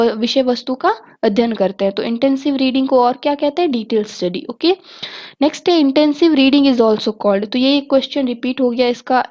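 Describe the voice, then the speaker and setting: High-voiced woman teaching exam questions. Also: a little mellow. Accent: Hindi. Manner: reads each question and its options aloud, then explains them in Hindi with English terms; often says "ठीक है" and "okay" as fillers. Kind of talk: exam prep lesson, reading out multiple-choice questions.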